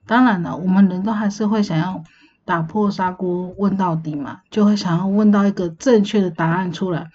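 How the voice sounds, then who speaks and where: A woman's voice: mid-range voice, normal speed, darkish tone. A young adult woman with a Taiwanese Mandarin accent, hosting a solo podcast and ranting with rhetorical questions. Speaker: podcast host. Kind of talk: casual solo venting monologue. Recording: slightly muffled with faint hiss.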